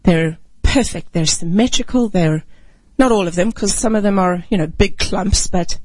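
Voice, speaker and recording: Raised outside the United States, a woman ministry speaker gives a reflective devotional talk and reads scripture, frequently clearing her throat. Her voice is medium-pitched and a little mellow at a normal speed, with no echo.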